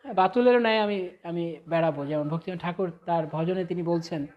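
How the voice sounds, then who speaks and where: A man preaching a devotional sermon online, fervent and rising on ecstatic phrases, slipping into slow melodic chanting of hymn verses. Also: sits high, dull audio. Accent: Bengali. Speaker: preacher leading an online class.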